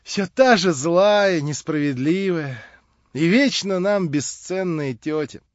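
A man doing an eager, lively young woman. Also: takes it slowly, dry recording. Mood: playful. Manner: high, bright, eager bursts. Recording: dry, slightly dull audiobook recording.

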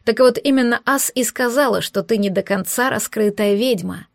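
A woman voicing a gentle, persuasive female demon in an audiobook, speaking softly and reassuringly. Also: a little high, normal speed, gravelly, no room sound, clean studio sound. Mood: coaxing. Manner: soft, coaxing, reassuring.

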